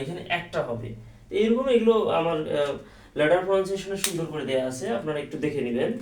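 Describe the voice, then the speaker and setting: A man's voice: high-pitched, darkish tone. A man teaching English pronunciation in a lesson, counting aloud, sounding words out syllable by syllable and answering his own questions. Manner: asks questions then answers them himself. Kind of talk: explanatory classroom lesson. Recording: echoey room, voice from a distance.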